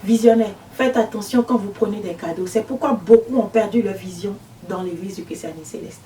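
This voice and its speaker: A woman preaching a testimony sermon as a visionary, telling her story in an emphatic, animated way. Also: mid-range voice, brisk, a little hiss or hum. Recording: roomy, mic far away.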